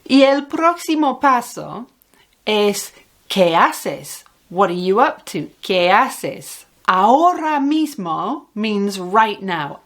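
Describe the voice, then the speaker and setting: A woman teaching a language lesson with a very slow, deliberate delivery, moving between Spanish phrases and English explanations. Her voice sits at an ordinary middle pitch, and she adds playful asides.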